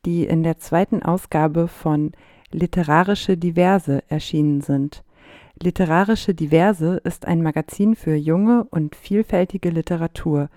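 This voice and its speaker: A woman co-hosting a radio show, reading a prepared introduction to poems in a steady way from the studio. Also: on the low side, dry recording. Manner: reads from a prepared text, steady. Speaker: radio co-host.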